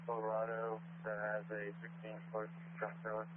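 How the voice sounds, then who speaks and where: A man's voice: fairly low pitch, completely flat delivery. A man working as a patrol officer, calling in terse unit updates over a police radio. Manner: brisk, terse unit call-ins. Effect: police radio transmission. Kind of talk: radio traffic. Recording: tinny radio with static hiss.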